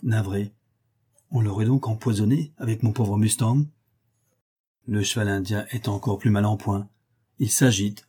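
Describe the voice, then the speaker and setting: Male audiobook narrator, measured reading, dark husky tone. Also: lowish voice.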